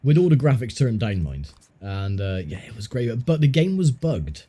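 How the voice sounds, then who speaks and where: A man's voice: medium pitch, very animated, normal speed, dark tone. A man streaming, telling rambling stories in casual chat with a friend. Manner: rambling, self-interrupting storyteller.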